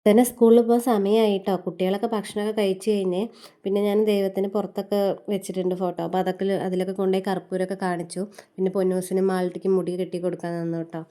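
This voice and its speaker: A woman in her thirties with a Malayali accent narrates a family vlog in a quick, easygoing patter. Her voice is mellow and dark rather than bright, and she keeps tagging friendly little asides onto her lines as she talks. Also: medium pitch, level tone. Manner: chatty, homely, often ending lines with a tag. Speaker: family vlogger, mother. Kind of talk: casual voice-over narration.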